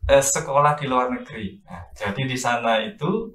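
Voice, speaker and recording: Male Quran teacher, mid pitch, calm explainer, distant roomy sound. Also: moderate pace. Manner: calm explanatory, adds "ya" tags. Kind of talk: casual interview.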